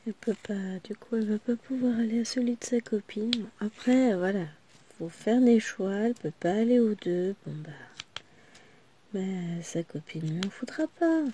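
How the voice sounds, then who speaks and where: A woman's voice: medium pitch, expressive, normal speed, warm tone, slight background noise. A woman vlogger chatting casually to her viewers in a rambling way, her voice still breaking now and then after she lost it. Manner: rambling, chatty, many small asides.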